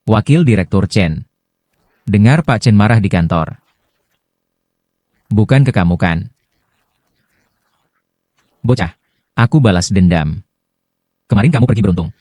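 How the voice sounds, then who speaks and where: A man's voice: lowish voice, lively intonation, measured pace, long pauses, darkish tone, dry recording, studio quality. A man voicing a stern father and chairman in a dubbed drama, curt and clipped. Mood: taunting.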